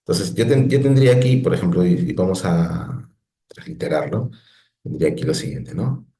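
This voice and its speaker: Low, mellow-voiced male teacher. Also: animated, normal speed, echoey room. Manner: patient, explanatory, frequent "¿no?" checks and restarts. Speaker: Biblical Hebrew teacher. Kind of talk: online lesson explaining on a screen.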